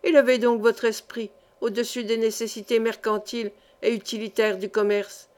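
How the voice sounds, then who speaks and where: Woman reading as an imperious, shouting professor. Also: fairly high pitch, flat delivery, normal speed, close to an everyday voice. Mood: furious. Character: irascible arrogant male professor, domineering.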